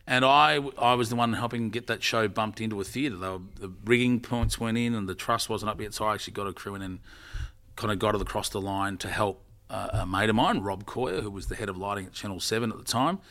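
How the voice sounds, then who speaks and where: A man with an Australian accent chatting in an interview as a former warm-up comedian, telling jokes animatedly. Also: lowish voice, fast. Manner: animated, joke-telling raconteur. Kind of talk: casual interview chat.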